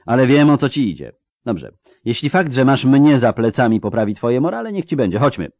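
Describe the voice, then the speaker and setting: A man's voice: mid-range voice, sing-song, fairly quick, a little mellow, no room sound, voice pushed up. A man voicing a cold, menacing male sorcerer who threatens and gives orders. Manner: commanding, threatening.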